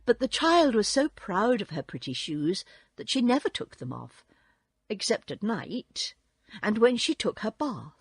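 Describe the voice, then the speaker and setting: A woman reading a classic children's book aloud in a slow, expressive storytelling way. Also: medium pitch, breathy edge, no room sound, studio quality.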